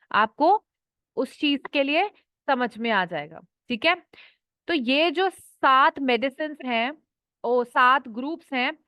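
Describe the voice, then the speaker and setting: A woman's voice: sits high, a bit bright, no room sound. A woman teaching an online class, reading out a list of names one at a time. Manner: slow, listing names one by one.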